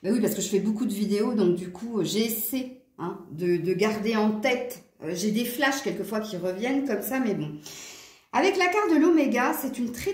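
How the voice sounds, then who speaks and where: A woman's voice: fairly high pitch, a little mellow, reverberant. A woman with a southern French accent giving a casual tarot reading to her viewers, chatty and rambling. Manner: chatty and rambling, with frequent fillers and asides. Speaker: tarot card reader.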